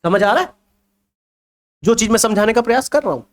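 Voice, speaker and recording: Emphatic high-voiced male exam coach. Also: animated, brisk. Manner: emphatic, lecturing, rhetorical questions to students. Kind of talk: motivational exam-prep lecture.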